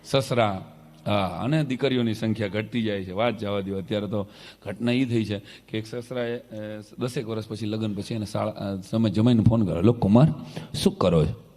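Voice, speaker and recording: Performing at a family wedding, a folk comedian with a lowish voice entertains a crowd in a big event hall with humorous stories, lively and quick to slip into character voices. A stage microphone captures him amid the hall's reverberation and soft background music.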